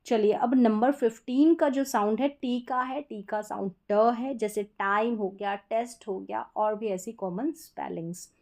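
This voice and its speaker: A woman with a somewhat high voice is teaching a pronunciation lesson. She explains each sound patiently, step by step, and says the example words twice so they sink in. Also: a little slow, few pauses, a little mellow.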